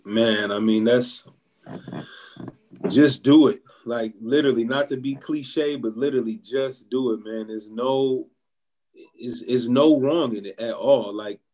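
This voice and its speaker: A barbershop owner from Ohio, appearing as a guest, talks casually in an interview and gives encouraging, motivational advice. His mid-range voice is unhurried and relaxed, and he says "man" a lot.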